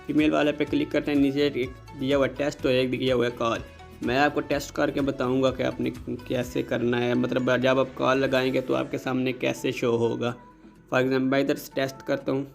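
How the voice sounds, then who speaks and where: A tech tutorial channel host walks through a phone app at normal speed, polite and casual in manner. His fairly flat pitch has a creaky, fried texture, and faint music plays behind him.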